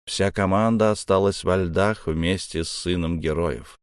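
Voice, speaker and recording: Low-voiced man narrating an audiobook. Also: measured pace, clear, resonant tone, no room sound, clean studio sound. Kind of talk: first-person audiobook narration.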